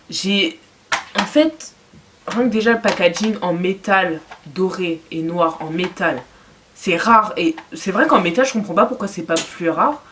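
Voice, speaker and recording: Young woman, beauty vlogger, gushing and chatty, slightly low voice, casual haul talk. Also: a bit bright, slight background noise. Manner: enthusiastic, chatty, with frequent fillers. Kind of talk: casual haul video chat.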